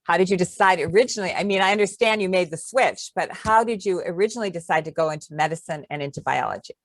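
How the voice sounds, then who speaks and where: A woman's voice: on the low side, fast. A woman moderating a webinar, asking questions carefully and rephrasing them as she goes.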